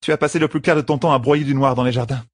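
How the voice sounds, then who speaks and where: A man voicing a poised, teasing young queen in an audiobook, with a husky tone and composed delivery. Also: medium pitch, fairly even intonation, very fast, no echo, studio quality, voice pushed up, natural voice. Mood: wry. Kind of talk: audiobook character voice.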